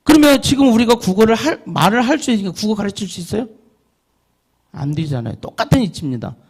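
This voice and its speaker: A middle-aged man gives a lecture on learning English. His voice sits high and swings widely up and down. He asks the audience questions and answers them himself, and he repeats short practice words aloud. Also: darkish tone, slightly rough. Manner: drills English vowel sounds aloud.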